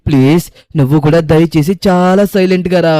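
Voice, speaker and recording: Guy doing a lively game story voice-over, fast, dry close mic. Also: fairly high pitch, smooth, dry recording. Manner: lively, talks fast to the viewers and the characters. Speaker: host and narrator.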